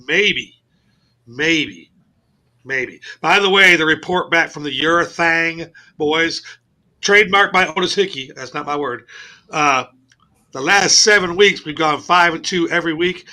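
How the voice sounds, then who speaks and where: High bright voiced guy hosting sports radio, swears a lot, animated storyteller. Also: moderate pace. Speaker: host. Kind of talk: casual sports radio chat. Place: radio studio.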